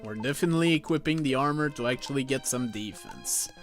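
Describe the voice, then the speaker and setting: A man streaming a retro video game live, calmly narrating what he does with commentary between moves. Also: medium pitch. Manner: slow, laid-back narration of gameplay. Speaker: let's play streamer. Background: faint game music.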